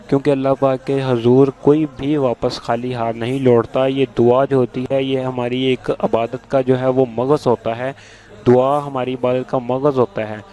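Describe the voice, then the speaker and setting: A man patiently giving step-by-step religious instructions to viewers, repeating each step and reciting prayers slowly. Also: mid-range voice, warm tone. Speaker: religious video host.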